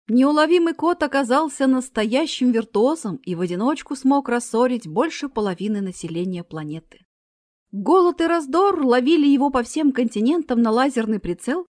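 A woman reading a humorous story aloud in a wry, expressive storytelling manner. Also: a little high, no echo, studio quality. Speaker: narrator. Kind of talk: storybook narration.

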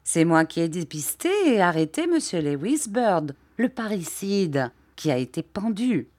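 A woman voicing a boastful, pompous English detective, a man of about thirty, with a formal, self-important way of speaking in a slow storybook reading. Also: lowish voice, very animated, darkish tone.

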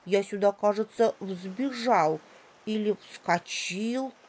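A woman voicing a timid, shy baby elephant boy who speaks slowly with sighs. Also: medium pitch, a little mellow. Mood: shy, worried. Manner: slow, sighing, drawn-out.

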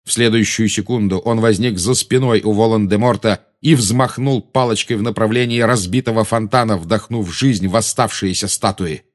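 A man narrating an audiobook with an expressive, dramatic reading. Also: fairly low pitch, moderate pace, few pauses.

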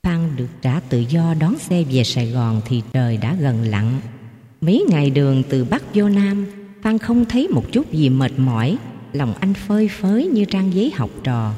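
A narrator reading a dramatic story aloud with expressive, emotional delivery. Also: mid-range voice, normal speed. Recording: echoey room with long reverb.

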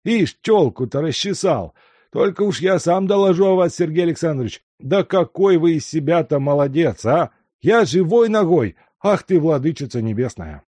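A man's voice: a little high, lively intonation, moderate pace, mellow, no echo, pitched above the performer's own voice. A man voicing an old male servant who rambles on in tearful, chattering bursts. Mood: fussing.

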